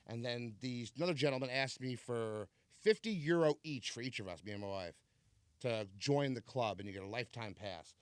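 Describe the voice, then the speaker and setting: A man's voice: medium pitch, brisk, smooth, no echo. New guy on a podcast spinning a story, super casual, lots of "like", dry sound. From New York. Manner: rambling, laid-back storyteller with frequent "like" and "so". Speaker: podcast guest.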